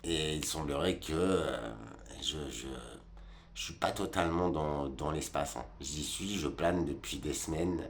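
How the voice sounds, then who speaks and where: A man's voice: a bass voice, unhurried, slight background noise. A man in his forties giving a rambling, colloquial monologue, talking straight to the viewer about life. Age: 40s. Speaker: vlogger. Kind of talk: casual reflective monologue.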